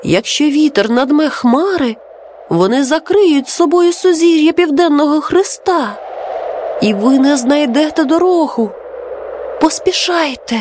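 A woman voicing an anxious magic seashell that squeaks out urgent, worried warnings. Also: animated, a little slow, a little mellow, slight background noise.

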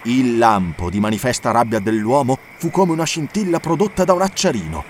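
A man reading an audiobook in steady, measured scripted narration. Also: medium pitch, slight background noise.

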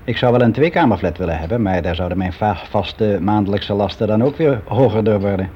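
Speaking fairly quickly in a fairly low voice, lightly acted, an actor plays a fussy middle-aged man in a radio play monologue. The dull lo-fi radio recording carries a little hiss or hum. Frank about his private life, the character confides in a hesitant, matter-of-fact, conversational manner, justifying himself as if to an interviewer.

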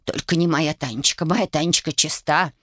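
A woman's voice: low-pitched, steady tone, normal speed, a bit bright, no room sound, studio quality. A woman reading the part of a pious, tearful old woman who pleads. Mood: pleading.

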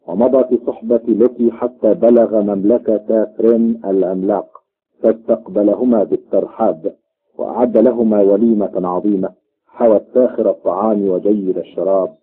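Man, storyteller, low husky voice, phone-like sound. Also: normal speed, faint music behind. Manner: expressive, voices every character. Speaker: narrator. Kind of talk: dramatic storytelling.

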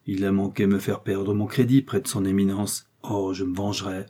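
Milady, a man doing a shrill, cruel noblewoman. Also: little pitch movement, normal speed, breathy edge. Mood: venomous. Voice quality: shrill, sharp. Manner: haughty, scolding. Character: young woman, scheming noblewoman, cold and cruel.

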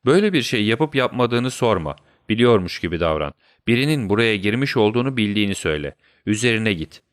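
Man reading as a commanding, brisk detective. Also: lowish voice, big pitch swings, no room sound, clean studio sound. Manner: brisk and directive. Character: sharp, commanding male detective, middle-aged.

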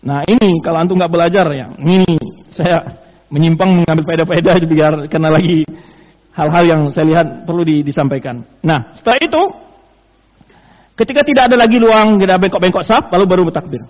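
A man's voice: on the high side, fairly quick. A man giving an Islamic study sermon, explaining hadith and reciting Arabic quotes. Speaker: preacher. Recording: dull lo-fi audio in a reverberant hall.

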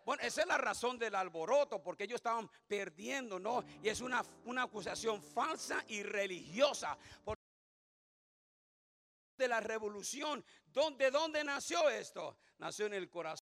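A man's voice: high voice, expressive, normal speed. A man preaching a comic sermon as pastor, telling jokes, acting out stammering voices and calling out to the congregation. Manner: joking, acts out stammering voices; loud preaching with audience asides.

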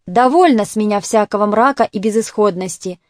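A woman reading an audiobook voices a wheezing, gouty old male clerk who pleads hoarsely and fervently. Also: mid-range voice, a little fast, no echo, clean studio sound, lightly acted. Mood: agitated.

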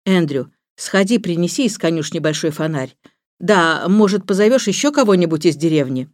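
A woman's voice: lowish voice, animated, moderate pace, a little mellow, no room sound, clean studio sound, lightly acted. A woman doing a fretful old pastor. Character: fussy older village pastor.

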